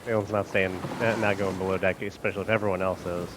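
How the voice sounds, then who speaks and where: A man's voice: sits low, little pitch movement, fast talker. A man speaking casually as a player in a tabletop game. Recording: clear sea and wind noise behind.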